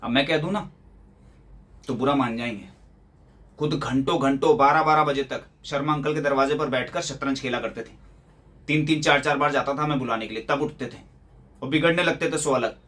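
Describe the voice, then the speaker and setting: A man's voice: medium pitch, normal speed, a bit bright, lightly acted. A man acting a young office-worker son in a theatrical monologue, complaining with sarcastic rhetorical questions. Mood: exasperated. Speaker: actor performing a monologue.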